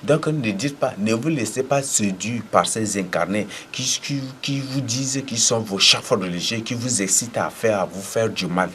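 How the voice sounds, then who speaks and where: Male preacher, low register, emphatic deliverance sermon with a faint ambient hiss. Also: moderate pace, few pauses, fairly bright tone. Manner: commanding, repetitive declarations with sudden emphatic rises.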